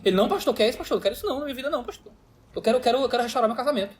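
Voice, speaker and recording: A man's voice: very high voice, lively intonation, very fast. A man preaching, acting out a young husband in counseling who earnestly pleads that he wants to save his marriage. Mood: pleading. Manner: pleading, protesting.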